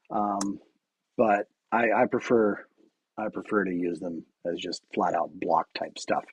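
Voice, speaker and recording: A man's voice: mid-range voice, slightly rough, dry recording. A man streaming his coding work, talking through it casually while typing, often restarting his sentences. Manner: thinks aloud while typing, with frequent restarts and fillers. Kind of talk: casual live-coding commentary.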